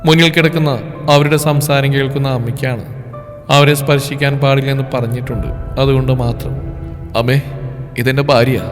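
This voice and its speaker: A man reads a scripted story aloud in a soft, unhurried, tender manner. His voice sits at an ordinary middle pitch. The recording carries a long reverb tail with faint music in the background. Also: fairly even intonation.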